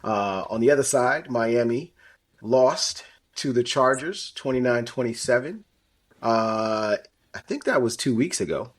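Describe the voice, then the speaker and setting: A man's voice: mid-range voice, a little slow. A man hosting a casual sports betting podcast, rambling with lots of fillers and restarts. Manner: rambling, filler-heavy, animated when riffing. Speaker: podcast host.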